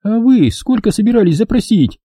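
A prim, haughty elderly lady, calculating and used to giving orders, her voice raised well above a man's normal register, as the narrator puts her on. The timbre stays dark and husky, and the recording is dry, close to the mic, with no room echo. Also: high voice, expressive, a little fast, pitched above the performer's own voice. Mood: indignant. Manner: prim and commanding.

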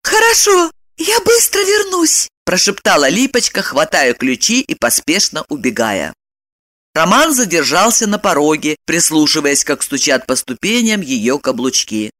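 Expressive woman audiobook narrator. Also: deep voice, moderate pace, no echo. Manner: lively, emotional storytelling.

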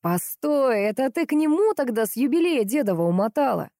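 A woman's voice: medium pitch, lively intonation, normal speed, mellow, dry recording, clean studio sound, natural voice. A woman reading a stern protective older brother. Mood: bewildered. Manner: demanding, stern questioning. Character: strict protective older brother, young man.

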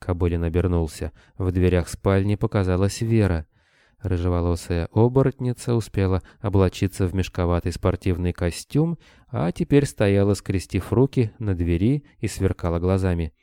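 A man narrating an audiobook in a measured, even reading. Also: low voice, clear, resonant tone, no room sound, clean studio sound. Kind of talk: scripted narration.

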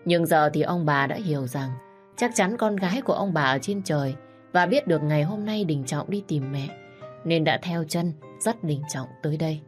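A woman telling a story as a measured, scripted narration. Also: low-pitched, darkish tone. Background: faint music.

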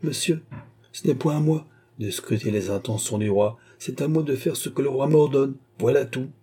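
A man with a husky, dark voice reading a rigid palace lieutenant who speaks stiffly and formally. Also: medium pitch, normal speed, pitched above the performer's own voice. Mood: firm.

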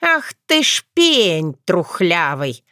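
Old witch grandmother done by a woman, cheeky, bossy, folksy, lively intonation, dry close sound. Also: lowish voice, unhurried, dry recording. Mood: teasing. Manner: teasing, giggly, folksy.

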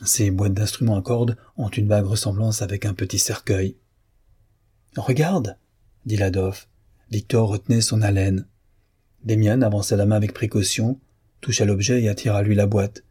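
Low husky male narrator. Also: little pitch movement, warm tone. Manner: measured, literary. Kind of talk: audiobook reading of a novel.

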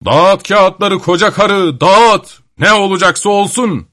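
A stubborn old man of a grandfather shouts back in a higher, louder voice that rises and falls hard, played by a man reading aloud. His talk is defiant and blunt, recorded close and dry. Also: wildly swooping pitch, measured pace, no echo, full character voice. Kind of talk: storybook reading.

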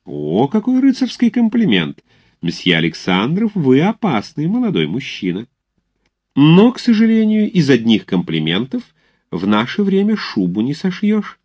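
A man voicing a flattering middle-aged society mother with an affected, gushing politeness, in a read-aloud story. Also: a little high, normal speed, slightly rough, pitched above the performer's own voice, heavily acted.

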